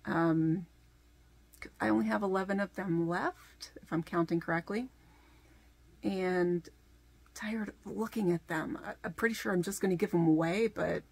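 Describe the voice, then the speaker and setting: A woman's voice: fairly low pitch, normal speed, creaky, breathy edge, no echo. A woman chatting casually in a craft vlog, her articulation slightly impeded by the retainers in her mouth. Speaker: sewing vlogger.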